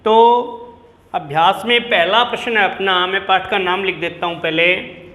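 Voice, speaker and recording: A man teaching a Sanskrit lesson to children, slowly saying each word and repeating it for the pupils. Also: sits high, fairly even intonation, bright, forceful tone. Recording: echoey room with long reverb.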